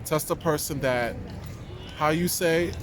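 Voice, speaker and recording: A man's voice: a little high, unhurried, music in the background. A man with a New York accent giving reflective, conversational answers in a casual street interview. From New York, United States. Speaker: interviewee, dancer and actor. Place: outdoors in a city park. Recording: outdoor city noise, passing traffic.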